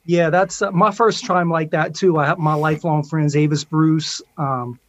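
A man's voice: a little high, fairly even intonation, moderate pace, a bit bright, no echo. A man chatting informally as an interview guest, laid-back and reminiscing, over a dull online-call connection. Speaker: interview guest, steel pan musician. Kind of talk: casual chat, reminiscing.

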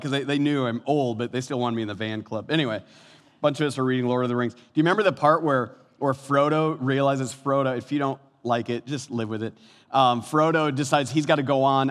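Man, 50s, pastor, sermon, animated delivery, echoing hall. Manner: animated, swings from soft and low to loud and high. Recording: long hall reverb.

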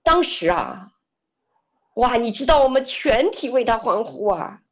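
Husky, lively woman telling a story. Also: on the high side, a little slow. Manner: expressive, lively storyteller who laughs often. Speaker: interview guest. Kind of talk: animated testimony storytelling.

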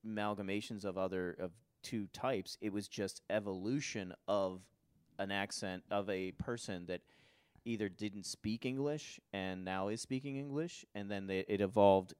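A man's voice: on the low side, normal speed, darkish tone, clean tone, dry recording. A man hosting a podcast, chatting casually and telling stories in long runs. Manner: storytelling, talks in long runs. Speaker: podcast host. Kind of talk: casual chat.

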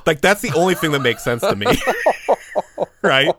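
A man's voice: a little high, animated, moderate pace, bright, forceful tone, no echo, clean studio sound. A man co-hosting a podcast, recapping a film in casual chat with a wry, joking manner and frequent laughs. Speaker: podcast co-host. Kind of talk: casual movie-review chat.

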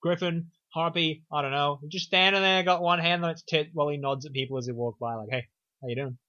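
A young man casually recapping a film on a podcast, sarcastic and animated, slipping into silly voices. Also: on the high side, a little fast, no room sound. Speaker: podcast co-host. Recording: dull lo-fi dry recording.

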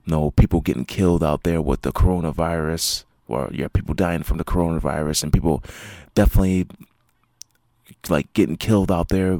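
Low gravelly man, rambling podcast talk. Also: steady tone, fairly quick, mellow, no room sound. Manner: rambling, many fillers and restarts. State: sleepy, yawning. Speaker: podcast host, martial arts instructor. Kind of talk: casual solo podcast talk.

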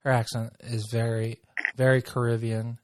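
A man's voice: mid-range voice, flat delivery, normal speed, a little mellow, slight background noise. A man hosting a casual chat, gushing and rambling, often trailing off mid-sentence.

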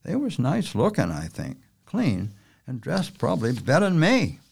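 A man narrating a novel aloud in a folksy, unhurried storytelling manner with rural turns of speech. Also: mid-range voice, huge pitch swings, creaky, breathy edge. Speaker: audiobook narrator.

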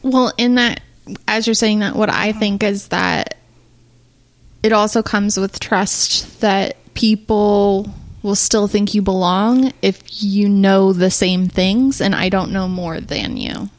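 A woman's voice: mid-range voice, steady tone, slow pace, dry recording. A woman podcast guest speaking candidly and openly about herself. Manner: candid, self-revealing. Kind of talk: candid conversational chat.

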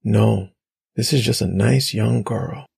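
A man reading aloud, voicing a protective father who talks calmly and firmly, with a husky, gravelly voice. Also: fairly low pitch, takes it slowly, heavily acted. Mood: guarded. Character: protective Caribbean father, tense and guarded.

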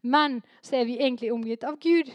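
High-voiced woman preaching. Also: no echo, lo-fi sound. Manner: lively, rising to fervent emphasis. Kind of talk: sermon.

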